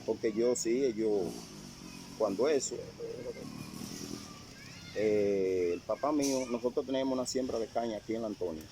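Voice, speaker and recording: An older man recounting a personal testimony in casual storytelling, halting and repeating phrases as he remembers. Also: on the low side, dark tone, a little hiss or hum. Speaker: interviewee sharing a testimony.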